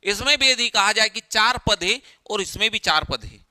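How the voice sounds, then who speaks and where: Bright, crisp-voiced male teacher. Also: sits high, normal speed, dry recording. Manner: explains step by step, repeats key phrases, asks rhetorical questions. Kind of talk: exam-prep lecture.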